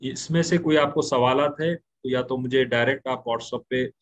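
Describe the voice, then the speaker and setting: A man teaching a tajweed class online, patiently slowing down to explain recitation rules, speaking into a computer mic on a video call. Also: mid-range voice. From India.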